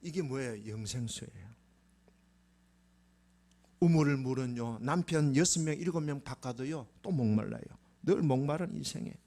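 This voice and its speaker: A man's voice: mid-range voice, moderate pace, creaky, warm tone. A male pastor preaching a sermon in a church sanctuary, emphatic and full of rhetorical questions to his congregation.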